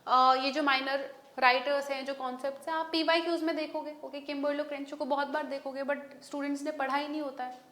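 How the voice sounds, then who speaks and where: Indian woman, young adult, teacher, exam-prep lecture, high voice, slow dictation, echoey room. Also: a bit bright. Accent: Indian English. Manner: slow dictation of English terms, quick Hindi asides, frequent "okay". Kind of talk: exam-prep lecture, mixing Hindi and English.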